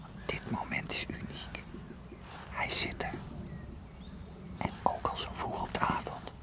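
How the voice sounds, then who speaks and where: Nature guy whispering low so he won't scare the animals, outside at the forest edge. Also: measured pace. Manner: hushed whispering while watching wildlife. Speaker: nature expert presenter. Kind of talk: whispered outdoor nature presenting. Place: outdoors at a forest edge at dusk.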